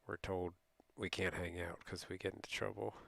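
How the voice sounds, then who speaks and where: A man's voice: low voice, little pitch movement, moderate pace, gravelly, dry recording. A middle-aged man telling a rambling, casual late-night story as a streamer, often laughing and quoting people.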